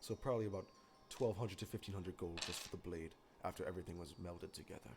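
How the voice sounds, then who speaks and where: A hulking bugbear blacksmith, played by a man at the table talks shop in a steady, businesslike manner. The voice sits a little low, with a faint hiss in the room. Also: quick pace. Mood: matter-of-fact. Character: huge male bugbear blacksmith, calm and matter-of-fact.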